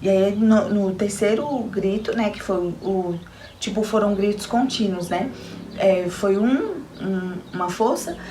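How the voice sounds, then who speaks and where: With a medium-pitched, mellow voice and an unhurried delivery, this new mother from Brazil shares a personal testimony with her viewers. She speaks earnestly and emotionally, her Brazilian Portuguese accent clear. The room is echoey, with a little hiss or hum.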